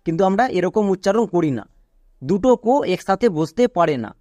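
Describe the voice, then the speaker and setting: A man teaching an English reading lesson, patiently explaining rules step by step and spelling words out slowly letter by letter. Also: high voice, animated, darkish tone, dry recording. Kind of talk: online phonics lesson.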